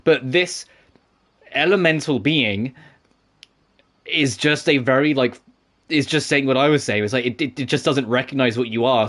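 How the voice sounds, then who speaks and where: Man, gaming commentary, casual and rambling, mid-pitched voice. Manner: chatty, laughs often, rambling asides. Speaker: gaming streamer.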